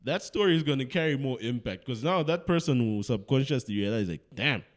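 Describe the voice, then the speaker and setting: A man's voice: medium pitch, lively intonation, a little fast. A man hosting a casual podcast discussion, reflective and making points with little stories. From Zambia. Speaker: podcast host.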